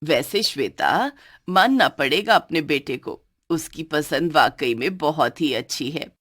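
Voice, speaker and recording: A woman's voice: low voice, animated, unhurried, fairly bright tone, pitched below the performer's own voice, exaggerated voice. Woman voicing a bossy older mother-in-law. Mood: doting. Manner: commanding, scolding. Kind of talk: cartoon voice acting.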